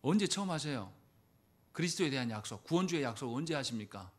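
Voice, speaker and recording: A man pastor preaching a sermon in a church, acting out quoted lines with sudden loud bursts. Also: mid-range voice, very animated, quick pace. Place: church sanctuary.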